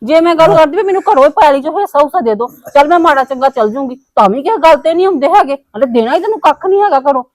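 A woman with a high voice who talks fast and pleads in a worked-up, complaining way. The sound is dry and close. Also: lively intonation, a little mellow, no echo. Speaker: daughter in family drama. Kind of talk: casual Punjabi family vlog acting.

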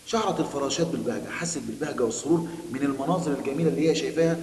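A man with an Egyptian Arabic accent teaching a primary school Arabic lesson, quickly explaining a text to children. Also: mid-range voice, darkish tone. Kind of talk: recorded classroom lesson. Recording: echoey room, distant mic, faint hiss.

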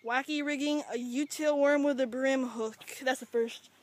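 A man's voice: very high-pitched, steady tone, moderate pace. A teenage boy from Georgia hosting a casual fishing vlog outdoors by a pond, chatty and joking. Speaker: vlog host.

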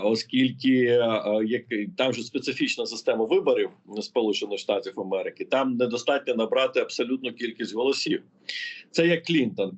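Man analyst, muffled lo-fi sound. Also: mid-range voice. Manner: explanatory, thinking aloud. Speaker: political analyst guest. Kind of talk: interview answers. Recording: muffled lo-fi audio.

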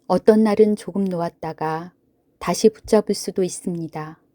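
A woman gently narrating a sleep meditation in a soothing, hushed manner, with long pauses between phrases. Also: fairly low pitch, no echo. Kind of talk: sleep story narration, guided Buddhist relaxation.

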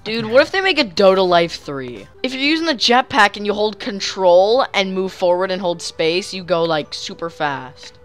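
Female gamer, playful casual banter, lively swooping delivery. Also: mid-range voice, normal speed, few pauses, faint music behind. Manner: giggly and playful. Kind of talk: casual chat while playing a game.

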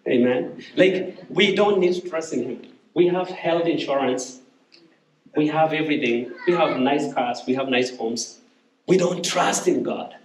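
A man's voice: a little high, slight background noise. Man preaching in a roomy church. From Kenya. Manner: earnest, many repeated words and restarts. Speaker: guest speaker. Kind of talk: sermon testimony. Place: church stage, large room. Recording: roomy church hall, somewhat distant.

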